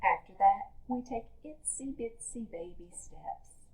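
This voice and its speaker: Reading a picture book to young children, a woman teacher with a mid-range voice uses a slow, deliberate and expressive storytelling style.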